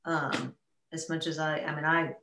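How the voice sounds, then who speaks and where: A woman chairing a public town board meeting, talking in a halting way with many fillers and restarts, over a remote video meeting. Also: low-pitched, little pitch movement, roomy sound, background noise.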